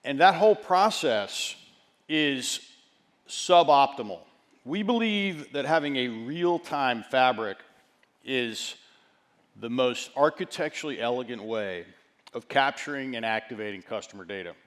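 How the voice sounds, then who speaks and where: A man giving a keynote presentation as a chief executive, speaking in deliberate, broken phrases with emphatic stresses. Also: medium pitch, animated, a bit bright.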